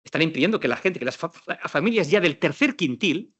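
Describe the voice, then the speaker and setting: A middle-aged man from Spain giving a lively, ironic conference talk on housing law, acting out quoted dialogues. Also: on the high side, fairly quick, lo-fi sound.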